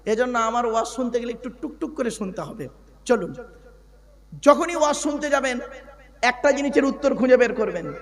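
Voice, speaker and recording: A man preaching a sermon, animated, calling out questions to the crowd and chanting drawn-out phrases. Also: very high-pitched. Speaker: Islamic preacher. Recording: long hall reverb.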